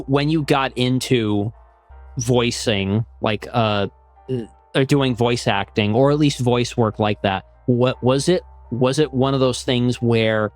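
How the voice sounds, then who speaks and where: A man hosts a casual podcast chat in an ordinary mid-pitched voice. He rambles and restarts his sentences, leaning on fillers as he thinks aloud. Faint music runs behind him. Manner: rambling, halting, many restarts and "like". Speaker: podcast host.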